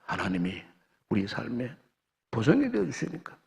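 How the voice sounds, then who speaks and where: A man preaching to his congregation with a husky, slightly breathy voice that rings out through a large church hall with a long reverb. He pushes his voice up loudly in urgent bursts, then drops to quiet, low asides, often asking the room questions. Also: wildly swooping pitch, normal speed. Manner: swings between loud exhortation and soft low asides, asks the congregation questions. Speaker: pastor. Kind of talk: sermon. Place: church sanctuary.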